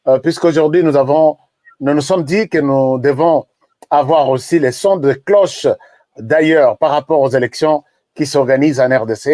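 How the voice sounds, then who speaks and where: A man's voice: a little high, darkish tone, no room sound. Hesitant man hosting a talk show. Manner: hesitant, many filler sounds. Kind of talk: wrapping up a political talk show.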